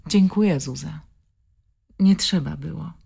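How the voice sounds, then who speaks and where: A woman's voice: low voice, unhurried, gravelly, warm tone, breathy edge, heavily acted. A woman voicing a tired, bitter woman just woken in hospital, speaking resigned and cynical. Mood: weak resigned.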